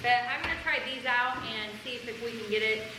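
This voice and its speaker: A woman's voice: a little high, fast talker. A woman hosting a casual vlog, explaining things enthusiastically to viewers. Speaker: host of a family vlog. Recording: echoey room with faint background noise.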